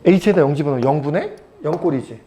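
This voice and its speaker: Brisk, teasing male math teacher. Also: on the high side, animated, mellow, slight background noise. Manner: blunt, teasing, keeps quizzing students. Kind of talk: casual lecture to students.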